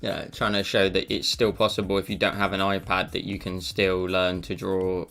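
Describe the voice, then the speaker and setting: A digital art streamer teaches a live drawing session, chatting casually and reading and answering viewer messages. His voice is low, level, fairly bright, and at normal speed, captured on a desk mic while he wears headphones, with faint music in the background.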